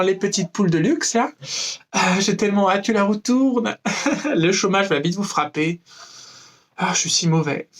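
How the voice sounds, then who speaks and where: A young man from France rants to camera with mocking sarcasm. His voice sits a little high for a man, and he rambles through fillers and restarts as he goes. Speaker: vlogger. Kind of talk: freestyle rant to camera.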